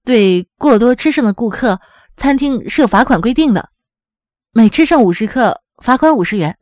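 A woman's voice: on the high side, animated, normal speed, a little mellow, dry recording, natural voice. A woman voicing a courteous young restaurant waitress who explains rules patiently. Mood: polite.

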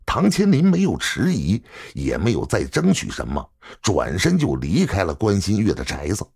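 A man narrating a novel in a measured storytelling manner. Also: low voice, huge pitch swings, gravelly, darkish tone, breathy edge. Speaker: audiobook narrator.

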